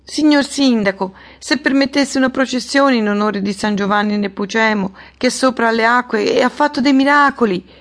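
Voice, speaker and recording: A woman's voice: fairly high pitch, moderate pace, few pauses, voice pushed up, close to an everyday voice. A woman reading an audiobook, voicing a group of devout townswomen pleading with the mayor.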